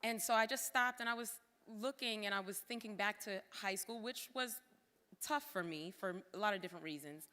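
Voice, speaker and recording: A woman's voice: mid-range voice, fairly quick, pushed and bright. Heartfelt woman speaking in a reverberant hall. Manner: heartfelt, informal asides to the crowd. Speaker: former cultural center director giving a thank-you speech. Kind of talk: emotional gala speech. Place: large hall at a formal gala.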